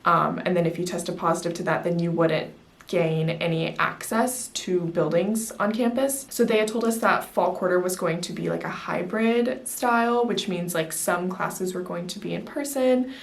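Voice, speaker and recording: A young woman with a slightly low-pitched voice speaks as a student vlogger. She explains things casually to camera, in loose, informal sentences that wander a little and are dotted with fillers. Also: moderate pace, vocal fry. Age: early 20s. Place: small music practice room, indoors.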